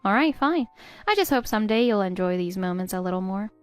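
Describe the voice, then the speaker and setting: A woman voicing a patient, hurt middle-aged stepmother who pleads gently with her stepdaughter. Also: mid-range voice, expressive, brisk, clean tone, soft background music, close to an everyday voice. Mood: pleading. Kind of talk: text-story voice acting.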